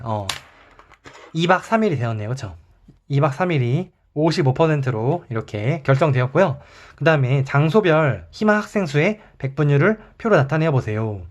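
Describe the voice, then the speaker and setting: A male teacher giving a recorded math lesson. He explains calmly and step by step while drawing on a chart. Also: mid-range voice, muffled recording.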